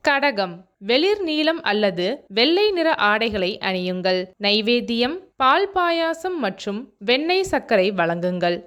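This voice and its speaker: A woman narrates a scripted voice-over at a measured, announcing pace. Her voice sits a little high and moves up and down a lot as she reads. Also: clear, resonant tone. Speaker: narrator of a devotional video.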